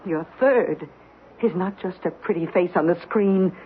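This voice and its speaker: In an old-time radio drama, an actress plays a bitter, proud, middle-aged wife who has been wronged, delivering her lines in an articulate, cutting, deliberate way. Her voice is lowish and lightly acted, heard through a tinny, noisy old recording.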